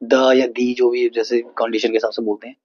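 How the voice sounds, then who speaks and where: Man teaching grammar slowly, lo-fi. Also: medium pitch, little pitch movement, a little hiss or hum. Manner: slow, repetitive explaining with frequent checks. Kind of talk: explaining an English grammar lesson. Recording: dull lo-fi recording.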